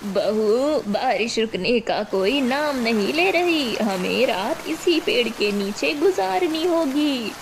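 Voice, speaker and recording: Woman doing an old cartoon mother-in-law, worried, slow, lowered voice, lively swings in pitch. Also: background noise. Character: elderly mother-in-law of a poor family, worried.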